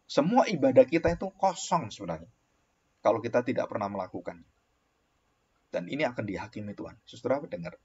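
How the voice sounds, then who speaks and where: A man's voice: medium pitch, slightly rough. A man preaching a sermon, reading scripture aloud and mockingly acting out boastful believers. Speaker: pastor. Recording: dull lo-fi sound.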